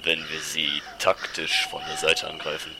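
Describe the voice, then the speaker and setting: A man playing a grumpy, deadpan detective sidekick with a dry, exasperated manner in a comedic audio drama. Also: very deep voice, moderate pace, noisy background.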